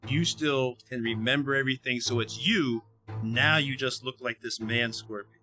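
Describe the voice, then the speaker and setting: A male game master narrating a live tabletop game. His voice is bright and forceful, and he keeps things playful. Faint music plays in the background. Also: medium pitch, moderate pace. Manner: playful, joking.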